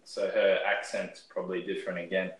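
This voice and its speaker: A man's voice: low-pitched, little pitch movement, brisk. A man with a North Queensland Australian accent, chatting casually and joking. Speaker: guest in a chat with a stranger. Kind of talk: casual chat. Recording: echoey kitchen with cooking noise.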